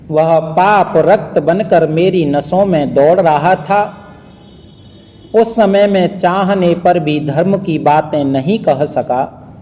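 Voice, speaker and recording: A wise old grandsire, calm and repentant, voiced by a male preacher. The delivery is unhurried and fatherly, in a mellow tone that rings through a long hall echo. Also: sits high.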